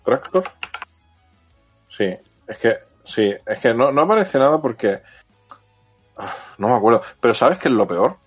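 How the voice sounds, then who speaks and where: A man hosting a casual chat in an excitable, slangy, repetitive way. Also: medium pitch, a little slow, long pauses, slightly rough, faint music behind. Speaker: podcast host.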